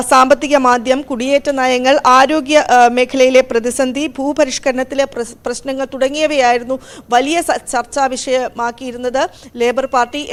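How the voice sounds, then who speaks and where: High-voiced woman news presenter. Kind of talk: news discussion on air.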